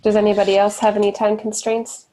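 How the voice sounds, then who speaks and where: A woman with a congested, nasal voice leading a casual video call meeting in a friendly, brisk and joking way. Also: mid-range voice, little pitch movement, warm tone. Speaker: meeting facilitator.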